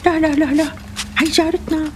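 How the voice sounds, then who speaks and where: A woman's voice: high-pitched, flat delivery, brisk, background noise, natural voice. A woman playing a stubborn, chatty older mother who teases her daughter. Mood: teasing, stubborn. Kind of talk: domestic comedy-drama acting.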